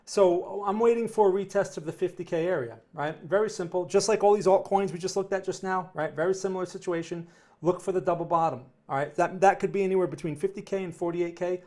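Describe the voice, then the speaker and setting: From a home studio near New York City, a man with a New Jersey accent hosts a live trading stream in a high, darkish voice. He answers viewer questions in a rambling way, repeating words and tagging sentences with "right?".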